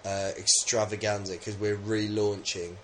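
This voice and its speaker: Podcast co-host, man from England, lowish voice, rambling and jokey, light room noise. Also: flat delivery, a little slow, a bit bright. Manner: jokey, rambling, with many fillers. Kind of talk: casual chat.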